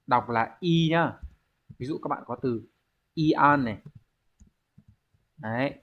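Reviewing for a language exam, this man breaks things down step by step and keeps asking the class to confirm they follow. His mid-range voice is a bit bright, and the sound is lo-fi.

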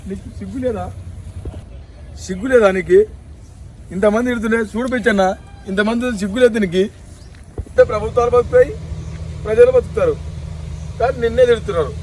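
A man's voice: high voice, slight background noise, close to an everyday voice. An actor with a Telangana Telugu accent playing a man who pleads and laments at length over his beloved liquor in a village comedy sketch. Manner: wailing, pleading, rambling complaint.

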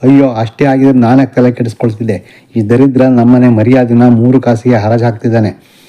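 A man's voice: medium pitch, flat delivery, a little fast, muffled recording, lightly acted. A man voicing a crying, anxious middle-aged mother in an audio novel, in a tearful, bitter complaining way.

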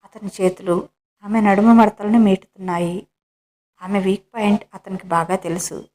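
A woman narrating a romance story in a calm, measured reading. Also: medium pitch.

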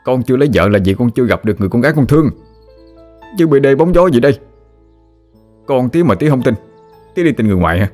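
A man's voice: sits low, expressive, fast talker, pauses often, faint music behind. A man voicing an exasperated son in his thirties, protesting.

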